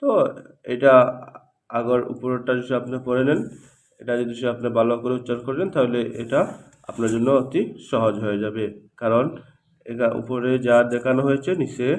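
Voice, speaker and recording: A man teaching Quran reading in a spoken lesson, slowly reciting letter sounds one by one. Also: mid-range voice.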